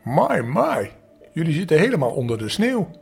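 An older man voicing a poor, kind-hearted old hat seller, speaking mildly and gently. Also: fairly high pitch, huge pitch swings, normal speed, creaky, slightly rough, soft background music, voice pushed up, heavily acted. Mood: kindly.

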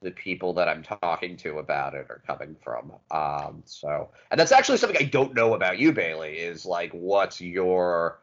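A man co-hosting a podcast, chatting casually and haltingly with many ums. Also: sits low, animated, a bit bright, lo-fi sound. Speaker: podcast co-host.

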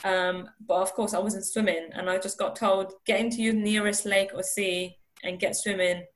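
Talking over a video call, this young woman from Iran is an interview guest in a frank, conversational exchange. Her voice sits at medium pitch with a steady tone and moderate pace, and she often backs up to restart or repeat words.

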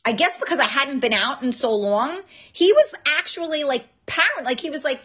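A woman hosting a casual live-stream chat, frank and animated, swearing freely as she tells stories. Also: sits high, normal speed, highs cut off. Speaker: talk show host.

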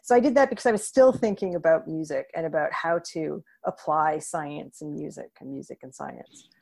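A woman's voice: deep voice, moderate pace, vocal fry, a little mellow. Thoughtful woman professor on a podcast. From Canada. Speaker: guest, associate professor. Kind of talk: conversational interview.

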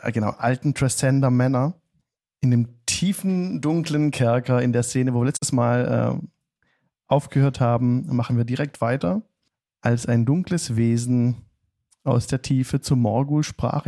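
A man hosting a tabletop game stream as game master, narrating the recap in a deliberate storytelling manner with drawn-out phrases. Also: medium pitch, warm tone.

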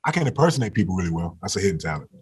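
A man's voice: deep voice, sing-song, racing, breathy edge. A man in his thirties, a football player as guest, talking candidly in a casual interview, laughing often and restarting his words.

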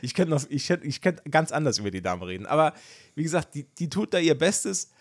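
A man's voice: fairly high pitch, big pitch swings, a little fast, no room sound, studio quality. A young man co-hosting a casual podcast chat, telling a story with lots of energy and acting out the dialogue. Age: young adult. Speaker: podcast co-host.

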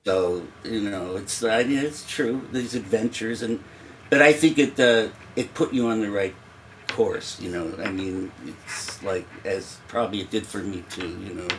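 A man from the New York area, a viola player and teacher, talking in a halting, reflective casual chat. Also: lowish voice, a little hiss or hum, poor audio. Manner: halting, trails off and restarts.

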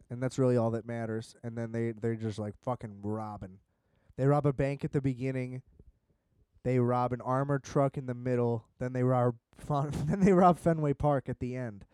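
A man chatting casually with friends, animated and swearing, laughing often. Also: medium pitch, moderate pace, smooth, no room sound. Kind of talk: casual chat.

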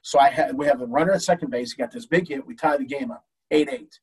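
An older man, a baseball coach, telling an emotional story in an animated way with many restarts. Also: mid-range voice, quick pace, husky, far from the mic, rough recording. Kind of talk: storytelling in a talk show.

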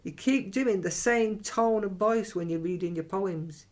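A middle-aged woman who is a writer and performance poet gives a candid personal monologue about her writing, her voice medium-pitched and a little slow. She's blunt, chatty and animated, laughing often and frequently restarting or correcting herself.

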